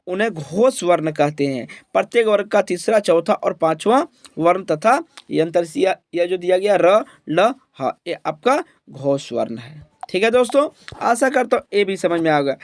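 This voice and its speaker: A man with a high voice teaches a grammar lesson for an exam. He repeats every point as a question and then gives the answer himself. His voice is recorded dry and close, with no room sound. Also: no echo.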